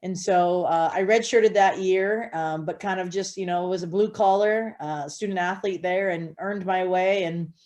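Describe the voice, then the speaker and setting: A woman from Hawaii, a head college softball coach, answering interview questions in an earnest, steady way with frequent fillers. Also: on the low side, normal speed, few pauses.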